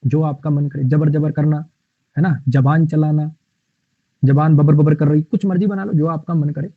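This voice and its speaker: A man with a fairly high voice teaches English vocabulary in a live online class. He explains words with playful memory tricks and reads the example sentences slowly. The sound is tinny and phone-like, with no room echo. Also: steady tone.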